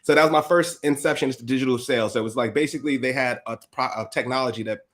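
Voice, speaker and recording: New guy talking real fast, slangy, acts out quotes, laughs a lot. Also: medium pitch, a bit bright. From USA. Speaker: guest. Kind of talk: casual interview storytelling.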